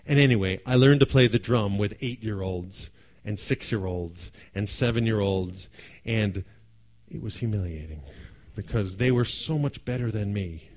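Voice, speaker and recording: A man telling a personal story in an animated way, acting out voices and laughing often. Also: fairly low pitch, moderate pace.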